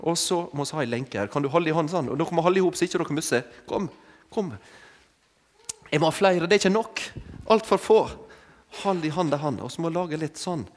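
A man preaching an interactive sermon with props, calling volunteers forward and coaxing them with short repeated commands. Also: on the high side. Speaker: preacher leading an object lesson with volunteers. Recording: long hall reverb.

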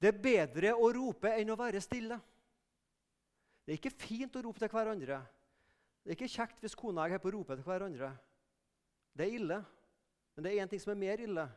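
A man preaches a sermon in a mission hall. His voice sits high, and his words ring out with a long reverb. He talks in an earnest, conversational way and now and then raises his voice in emphatic calls. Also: lively intonation, pauses often.

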